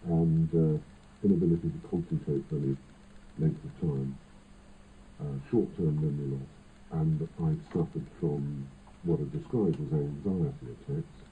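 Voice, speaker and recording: A man speaking as an airline pilot, his voice electronically disguised to sound deep, talking in a hesitant, halting way. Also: fairly even intonation. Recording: tinny phone-like band, faint noise.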